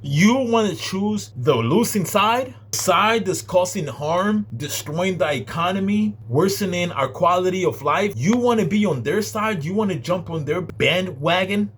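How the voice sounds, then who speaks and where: A man's voice: high voice, animated, unhurried, few pauses, slight background noise. A man hosting a reaction video, giving profane commentary in an exasperated, incredulous tone and firing off rhetorical questions.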